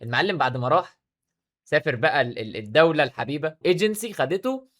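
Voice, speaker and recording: Egyptian guy vlogging, super fast excitable talk, slightly high voice. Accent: Egyptian Arabic. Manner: excitable, rapid-fire talk. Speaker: YouTuber. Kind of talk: casual commentary vlog.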